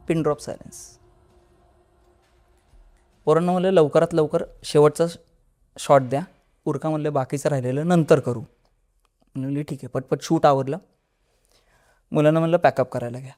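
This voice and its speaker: A man with a Marathi accent recounts a real haunted experience as a podcast guest. His voice sits fairly high, and he drops it low and quiet when he acts out what people said. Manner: storytelling, acting out dialogue in a lowered voice. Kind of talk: telling a horror experience.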